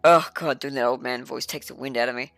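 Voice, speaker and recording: A woman's voice: extremely low pitch, fairly even intonation, fairly quick, gravelly, faint music behind. A woman streamer chatting casually during a game stream, rambling, offhand and profane. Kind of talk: casual gaming stream chat.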